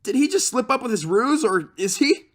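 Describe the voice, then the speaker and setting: A man's voice: extremely high pitch, big pitch swings, normal speed, full character voice. A man voicing a cocky, good-hearted young hedgehog hero in a cartoon fandub, casual, confident and breezy. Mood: relenting, friendly. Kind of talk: cartoon comic fandub acting.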